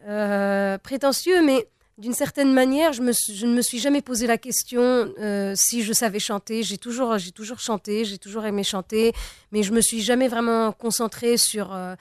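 A woman's voice: on the high side, moderate pace, dry recording, studio quality. A young Tunisian woman, a native Arabic speaker, answering interview questions as a singer, speaking hesitantly with many fillers and restarts. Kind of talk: interview conversation.

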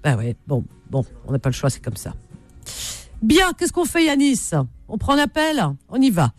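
A woman's voice: fairly high pitch, wildly swooping pitch, moderate pace, no room sound, soft background music. A woman hosting an evening call-in radio show who has bronchitis, chatting and teasing her callers in a casual, bantering way. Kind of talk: casual on-air chat with callers.

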